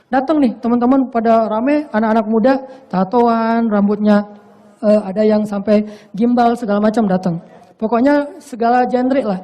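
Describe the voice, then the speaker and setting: A man's voice: extremely high pitch, warm tone. A man giving a casual, humorous sermon in a playful, slangy way. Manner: playful, slangy, acts out quoted voices. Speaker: preacher.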